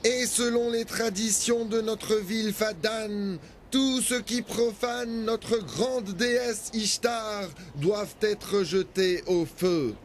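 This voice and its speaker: An official formally proclaiming charges in a dubbed period drama. His voice is pitched high and measured. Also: a little hiss or hum. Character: town official reading out charges. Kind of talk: French dub of a historical series.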